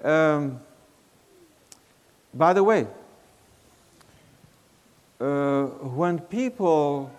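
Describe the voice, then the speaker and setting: Older syrian guy preaching, arabic accent, slow and drawn out, big echoey hall. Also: fairly high pitch, expressive, smooth. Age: 60s. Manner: storytelling, swings between loud emphasis and soft hush. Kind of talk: sermon.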